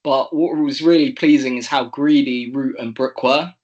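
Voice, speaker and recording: A young man co-hosting a casual sports chat, chatty and quick to laugh, with fillers and restarts. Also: medium pitch, steady tone, darkish tone, muffled recording. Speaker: co-host.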